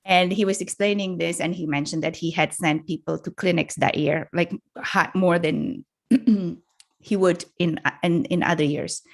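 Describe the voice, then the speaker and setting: This podcast guest, a middle-aged woman from Indonesia, talks reflectively in a relaxed interview, frequently laughing and starting her sentences over. She speaks unhurriedly in a low, steady voice with vocal fry.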